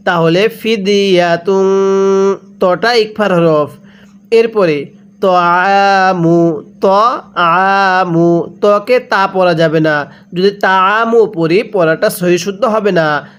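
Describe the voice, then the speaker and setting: A man teaching Quran recitation step by step, chanting each word slowly and asking the listener questions he then answers. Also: high-pitched. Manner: drawn-out chanted recitation between brisk explanations.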